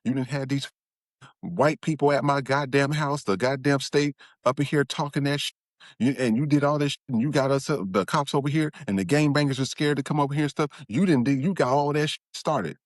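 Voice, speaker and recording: A man voicing his furious, abusive mother, yelling and cursing accusations at him. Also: medium pitch, a little fast, no room sound, clean studio sound, pitched above the performer's own voice, lightly acted. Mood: accusing.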